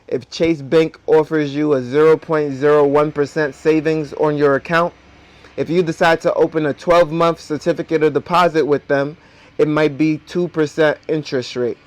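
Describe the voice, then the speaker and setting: A man's voice: on the high side, fairly even intonation, moderate pace. A man speaking with dental braces that slightly impede his articulation, explaining things to viewers as a video host. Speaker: host of a personal finance video.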